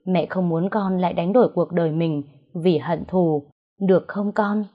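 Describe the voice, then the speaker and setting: A woman voicing a gravely ill mother who speaks slowly and tenderly, stern when crossed. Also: lowish voice, steady tone, highs cut off, natural voice. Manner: slow, tender pleading, turning harsh in anger.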